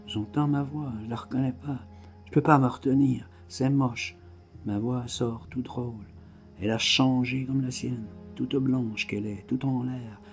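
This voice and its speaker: A man reading a first-person novel aloud, in short clipped phrases with emphatic swings in loudness. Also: medium pitch. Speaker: reader of a novel.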